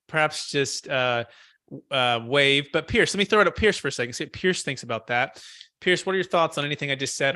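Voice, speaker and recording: A man's voice: a little high, pushed and bright, clean tone, no room sound, clean studio sound. A man hosting a casual real estate webinar over a video call, talking earnestly and thinking aloud with frequent restarts. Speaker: host of a commercial real estate mastermind call.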